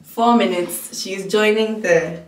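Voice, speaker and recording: A playful young woman teases her friend, speaking slowly with a slightly raised pitch. She sits back from the mic, and the small room rings around her. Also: fairly even intonation. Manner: playful and teasing. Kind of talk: casual chat. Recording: echoey room from a distance.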